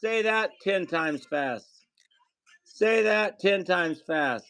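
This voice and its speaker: Male card-break host, high voice, unhurried, rattling off names; dry close sound. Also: animated, sharp tone, clear, resonant tone, dry recording. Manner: rattles off names, calls out hits to viewers. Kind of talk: live card break play-by-play.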